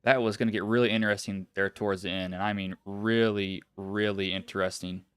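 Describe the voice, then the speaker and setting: A man's voice: on the low side, fairly even intonation, clear, resonant tone, dry recording. A man hosting a sim racing livestream, chatting casually and reading out the finishing order. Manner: casual, quick, reads results in a list. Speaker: race broadcast host. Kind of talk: livestream race coverage.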